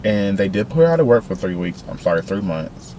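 A young adult man vlogs casually into a handheld compact camera while driving around town, his lowish voice quick and excitable. He talks straight to viewers and swears freely, and the camera audio clearly picks up car and street noise.

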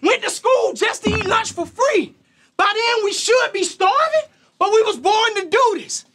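A man with a Southern US country accent performing aggressive battle rap, shouting his bars at a live event. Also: very high-pitched, expressive, measured pace, slight background noise. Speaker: battle rapper.

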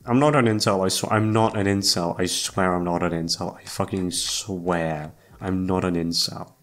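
A young YouTube voice actor and channel host rambles casually to his listeners, hesitant and self-deprecating, swearing freely and trailing off. His voice is low-pitched and fairly even at normal speed, with background music playing behind it.

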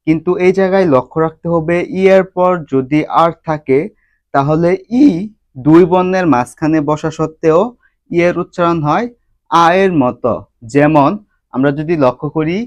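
Male English teacher, measured and deliberate, spells out each example, raised pitch, very slow delivery. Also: clean tone, dry recording. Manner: slow, deliberate, repeats each rule twice. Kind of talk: slow scripted grammar lesson.

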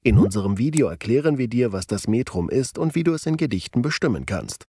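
A man narrating a scripted educational video, explaining clearly and deliberately. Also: mid-range voice, sing-song, dark tone, a little hiss or hum. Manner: clear, deliberate explaining, slowing down to read verse with stressed syllables.

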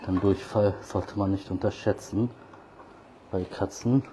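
A man's voice: low voice, steady tone, a little slow, warm tone, a little hiss or hum. A man talking casually to street cats as he feeds them outdoors, coaxing and scolding them with a rising, sing-song voice when he calls them over. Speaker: cat feeder and channel host. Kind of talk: casual talk to cats while feeding.

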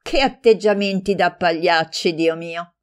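A woman reading an audiobook, voicing a resentful, hot-tempered woman who argues in heated, sharp bursts. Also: mid-range voice, a little slow, lightly acted. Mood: scornful. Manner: heated, sharp, rising to shouts.

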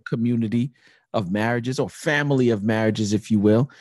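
A man co-hosting a podcast in casual chat, relaxed and slangy, often dropping "you know what I'm saying.". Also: mid-range voice, normal speed, no echo, studio quality. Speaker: podcast co-host.

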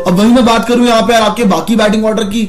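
High-voiced man in an echoey room. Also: fairly even intonation, quick pace. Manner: earnest, argumentative analysis. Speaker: cricket show co-host. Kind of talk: casual cricket discussion.

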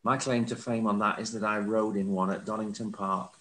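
A man's voice: on the low side, flat delivery, a little fast, fairly bright tone, roomy sound, rough recording. A man chatting casually on a video call, with dry humor. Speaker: panel member. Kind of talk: casual chat.

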